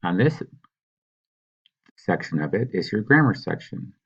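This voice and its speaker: Very deep-voiced male teacher, patient. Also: big pitch swings, vocal fry, slightly rough, dull audio. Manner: patient, sounds out words slowly. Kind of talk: recorded classroom walkthrough.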